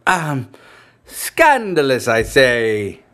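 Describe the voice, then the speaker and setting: Swooping, pompous, mildly evil doctor shopkeeper. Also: male voice, medium pitch, big pitch swings, fairly bright tone, exaggerated voice. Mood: indignant. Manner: pompous, florid, dramatic drawn-out delivery. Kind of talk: comic horror-host audio drama monologue.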